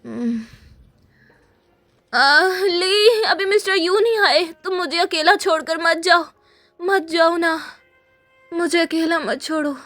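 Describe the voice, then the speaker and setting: A woman dubbing a clingy young woman in a TV drama, pleading and coaxing in a whiny, drawn-out way. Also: very high voice, fairly bright tone, no room sound, soft background music, heavily acted. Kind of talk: Hindi dub of a TV drama.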